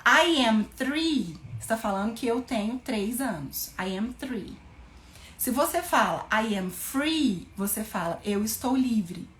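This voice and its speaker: A woman English teacher in a casual lesson, spelling out words and slowing down for English examples. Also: medium pitch. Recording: echoey room.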